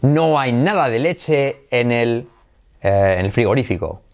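A man gives an English pronunciation lesson. His voice sits at a medium pitch. He explains each key sound and repeats practice sentences slowly for the learners. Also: animated. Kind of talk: spoken language lesson.

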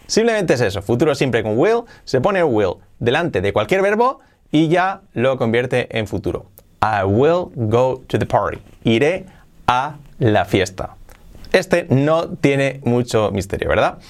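Lively man teaching a language lesson. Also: mid-range voice. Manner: lively, repeats example phrases slowly. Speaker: English teacher.

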